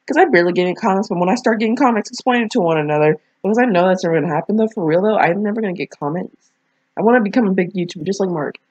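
Rapid-fire, husky and a little mellow, a mid-range female voice comes through a dry, muffled lo-fi home recording. The young amateur YouTuber, sick and lying down indoors, reads fanfiction aloud casually, mumbling asides packed with slang, swearing, bluntness and self-deprecation.

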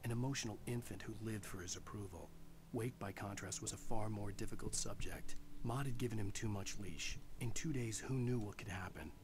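An actor voicing a male writer hero in a video game, narrating calmly and dryly. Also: fairly low pitch, a little fast, background noise, lightly acted. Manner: calm, dry narration.

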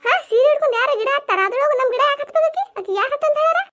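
A woman's voice: very high-pitched, animated, a bit bright. A woman voicing Jayavva, a furious village woman. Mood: furious scolding. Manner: scolding, rapid rhetorical questions. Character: furious middle-aged village woman guarding her curry-leaf plant.

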